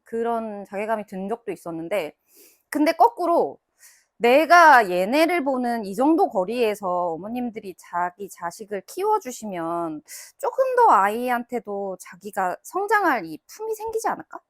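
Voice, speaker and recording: A woman's voice: on the high side, moderate pace, no echo, clean studio sound. A middle-aged woman, an author and English tutor, giving a talk to parents in a small library book cafe, acting out quoted mothers and children. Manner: animated, acts out mothers and children in quoted lines. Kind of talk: lively lecture to parents.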